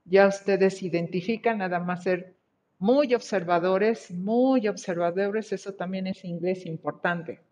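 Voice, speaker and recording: A medium-pitched, slightly mellow voice belongs to an English teacher reviewing exercise answers in a live class, alternating between English and Spanish. She speaks slowly and deliberately, encouraging students with brief praise for each answer, on dull lo-fi audio.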